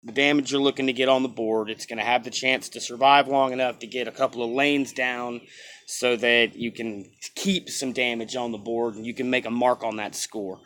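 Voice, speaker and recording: A man's voice: mid-range voice, level tone, moderate pace, fairly bright tone. A man giving casual, off-the-cuff review commentary on a game, opinionated and repeating himself for emphasis.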